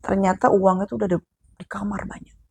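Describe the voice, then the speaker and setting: A woman's voice: medium pitch, flat delivery, fast talker, vocal fry, darkish tone, husky. A woman with a Sundanese accent casually telling a horror story, chatty and addressing the listener directly as she goes.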